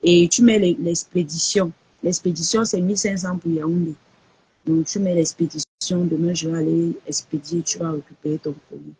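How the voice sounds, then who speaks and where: A woman's voice: lowish voice, fairly even intonation, moderate pace, mellow, breathy edge. A woman chatting casually on a live stream, answering viewer messages and quoting prices.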